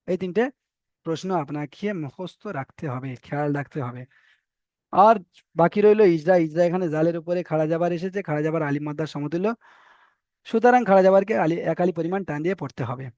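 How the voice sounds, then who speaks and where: A man teaching a Quran reading lesson, spelling out Arabic letters and patiently repeating each syllable slowly for his students. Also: fairly high pitch, a little mellow, dry recording, dull audio. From Bengal.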